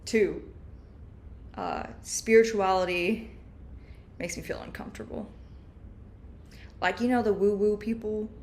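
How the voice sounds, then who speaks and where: A woman's voice: medium pitch, a little slow, pauses often, darkish tone, slight background noise. A young woman talking casually in a video journal, chatty and rambling, recorded on a laptop's built-in mic at home. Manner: chatty, rambling, self-aware. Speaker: vlogger.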